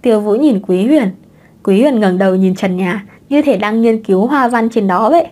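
Expressive woman narrator. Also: mid-range voice, moderate pace. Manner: smooth, expressive reading. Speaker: audiobook narrator. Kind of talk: storytelling narration.

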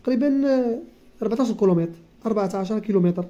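A teacher with a Moroccan accent explaining a textbook lesson, repeating key words and reading textbook lines slowly. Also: medium pitch, mellow, lo-fi sound. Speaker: primary school teacher.

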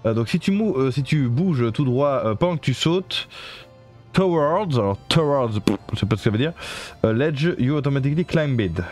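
A man with a French accent chats through a live game stream at a middle pitch, stopping often to read the on-screen text and translate it for his viewers. He talks in halting bursts full of fillers and restarts, with faint music playing behind him. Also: darkish tone. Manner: halting, many fillers and self-corrections, reads game text aloud and translates it; chats with viewers and thanks them. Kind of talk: casual live game commentary.

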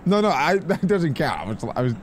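A man's voice: a little high, sing-song, brisk, background noise. A young man co-hosting a reaction video, teasing his friends in playful casual banter. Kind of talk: casual group reaction chat.

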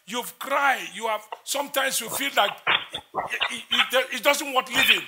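Man, prophet ministering in church, very bright tense tone, insistent repetition. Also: extremely high pitch, a little slow. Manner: intense, repetitive, declaring prayers.

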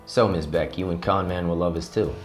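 A man doing a very deep hard-boiled detective. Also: a little fast, faint music behind, close to an everyday voice. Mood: wisecracking. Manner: deadpan, wisecracking. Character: hard-boiled ex-cop male newspaper detective. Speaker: narrator and detective character. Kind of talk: comic noir voice-over narration.

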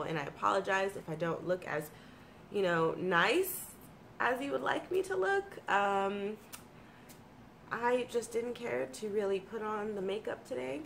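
A woman's voice: medium pitch, fairly bright tone. An American woman in her thirties, congested with allergies, chatting casually and enthusiastically to camera in a home room. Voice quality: congested, slightly froggy from allergies. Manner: informal, enthusiastic, self-deprecating. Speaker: video blogger and streamer. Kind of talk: casual chatty favorites vlog. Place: small home room with computer desk. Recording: clear background room noise.

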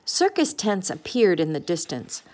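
A woman's voice: fairly low pitch, very animated, normal speed, darkish tone. Woman reading a picture book aloud. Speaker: storybook reader.

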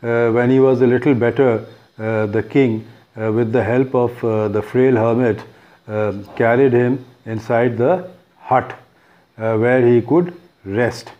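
A man's voice: mid-range voice, fairly even intonation, a little slow. Hesitant Indian man retelling a story. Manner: hesitant, many fillers and restarts. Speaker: book talk presenter. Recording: dull lo-fi recording.

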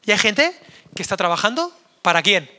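Hoarse animated pastor, bright voice. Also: male voice, high-pitched, moderate pace. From Spain. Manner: animated, jokey, acts out quoted voices. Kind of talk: energetic youth sermon. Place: church hall.

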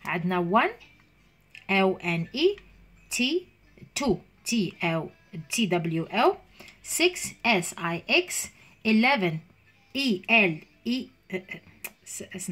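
An Algerian-accented woman teaching English to young pupils. Her pitch moves a lot as she explains. She reads the English lines slowly, then goes over them in dialect. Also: fairly bright tone. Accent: Algerian Arabic.

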